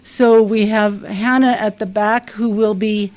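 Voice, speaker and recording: Woman, soft-spoken, measured, formal introduction, panel moderator, middle pitch. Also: steady tone.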